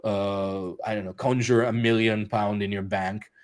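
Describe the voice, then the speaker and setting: A man's voice: fairly low pitch, fairly even intonation, unhurried. A man speaking as an interview guest, talking casually with many restarts and fillers and laughing often. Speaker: interview guest, author and musician.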